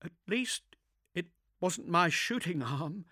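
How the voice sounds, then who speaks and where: A man voicing a sharp, anxious young female inquisitor with a strained, breathy voice and quick, insistent questions. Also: sits high, animated, no room sound, clean studio sound, pitched above the performer's own voice, exaggerated voice. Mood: urgent.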